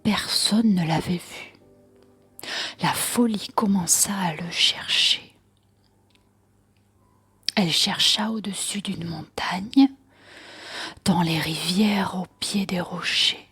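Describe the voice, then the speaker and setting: Whispering woman telling a story very slowly. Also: on the low side, a bit bright, husky, dry recording. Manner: intimate whisper right in the listener's ear; slow, unhurried delivery with long pauses. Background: music.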